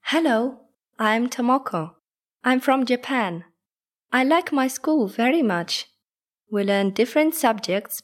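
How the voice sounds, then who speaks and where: A woman's voice: mid-range voice, close to an everyday voice. A woman playing a friendly teenage schoolgirl. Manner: clear, careful, friendly. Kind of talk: scripted textbook dialogue.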